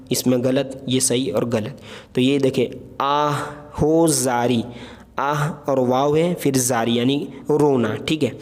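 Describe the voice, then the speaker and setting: A man's voice: mid-range voice, a little mellow. A man teaching an Urdu spelling lesson, patiently going over each word and checking in with his listeners. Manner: patient, repeats words and checks with "theek hai".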